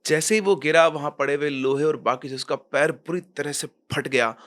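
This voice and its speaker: A man narrating a horror story in a tense, suspenseful way, dropping quiet at the scary parts. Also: on the high side, normal speed. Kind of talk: dramatic storytelling.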